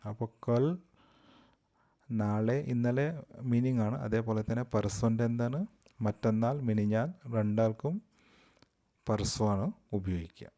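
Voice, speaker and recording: A man from Kerala with a Malayali accent, teaching a vocabulary lesson slowly and repeating each word twice. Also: lowish voice, steady tone, warm tone. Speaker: language teacher.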